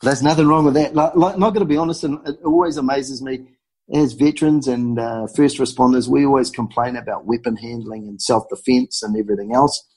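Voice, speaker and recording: A man's voice: medium pitch, fairly even intonation, a little fast, a little mellow, slightly rough, poor audio. A man with a broad New Zealand accent chatting casually and informally as a guest in a podcast interview.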